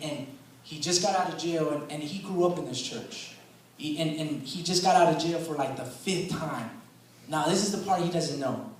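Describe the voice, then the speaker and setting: Male preacher, conversational storytelling sermon, repeats words, bursts of loud emphasis, fairly high voice, heavy hall echo, distant mic. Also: a little hiss or hum. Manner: rises loud and intense for emphasis. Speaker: guest preacher. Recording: echoey hall, voice picked up from a distance.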